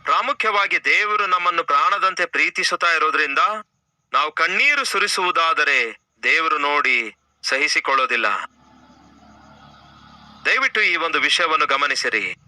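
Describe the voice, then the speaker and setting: A man's voice: fairly high pitch, lively intonation, moderate pace, pauses often, sharp tone, no echo, low-quality recording. A male pastor preaching a sermon, earnest, asking the congregation rhetorical questions. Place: church.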